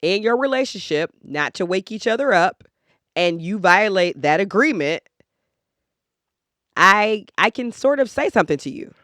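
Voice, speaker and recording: A woman co-hosting a podcast, chatting casually and reading listener letters, expressive and teasing, close to a studio microphone. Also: medium pitch, moderate pace, no room sound. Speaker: podcast co-host.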